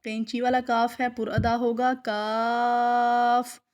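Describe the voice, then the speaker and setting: A woman's voice: fairly high pitch, fairly even intonation, a little mellow, muffled recording. Patient woman drawing out letter sounds. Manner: patient, instructive, stretches each letter sound long. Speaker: Quran recitation teacher. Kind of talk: tajweed lesson, slow letter drills.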